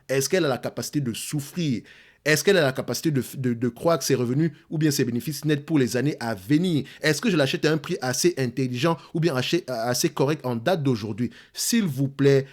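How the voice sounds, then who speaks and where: A man's voice: on the high side, darkish tone. A man with a Cameroonian French accent, a channel host explaining stock analysis in an emphatic, teacherly way, repeating points and asking rhetorical questions.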